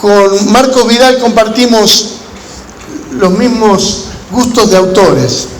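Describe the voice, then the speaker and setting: An Argentine pastor with a noticeably high voice addresses a gathering of pastors in a large church conference room, mixing teaching with stories. He phrases things deliberately and leaves pauses, and the echoey hall carries faint background noise.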